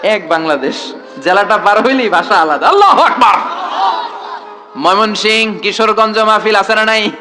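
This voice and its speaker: A man's voice: high voice, normal speed, background noise. A man preaching a sermon to a large gathering in a tent, throwing rhetorical questions at the crowd and calling for responses.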